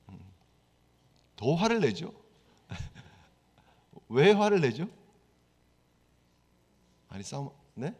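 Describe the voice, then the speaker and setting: Male pastor, higher voice, chatty sermon style, long church reverb. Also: a little mellow. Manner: conversational preaching with everyday examples and rhetorical questions. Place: church sanctuary.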